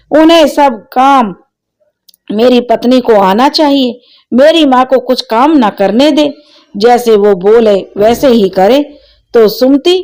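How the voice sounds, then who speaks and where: A woman's voice: on the high side, a little mellow, voice pushed up. A woman voicing an earnest young man, a devoted son laying out demands for his future wife. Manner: earnest, matter-of-fact demands.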